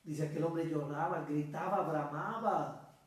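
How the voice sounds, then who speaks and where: A man's voice: a little high, a little slow. A man preaching a sermon as a priest, telling a story and calling his listeners brothers. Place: church. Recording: echoey church from far off.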